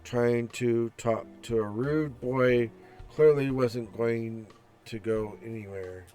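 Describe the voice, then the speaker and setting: A man playing through a visual novel, reading its text aloud with restarts and commenting on the characters. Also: mid-range voice. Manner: slow, chatty, reads text aloud with restarts. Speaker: gameplay narrator. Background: soft background music.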